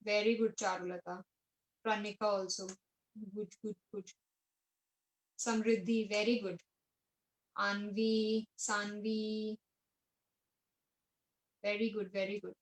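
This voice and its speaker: A woman's voice: mid-range voice, little pitch movement, drawn-out words, pauses often, rough recording. A young woman with an Indian English accent, teaching an online art class to children, patient and coaxing, repeating her steps as she mixes Hindi and English.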